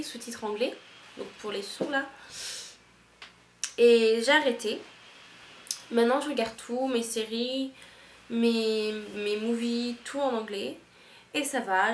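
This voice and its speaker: A woman's voice: fairly high pitch, a little hiss or hum. A young woman from France, an au pair, chatting frankly to camera in a rambling, slangy way with many restarts. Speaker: au pair vlogger. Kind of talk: casual chat to camera. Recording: echoey room with faint ambience.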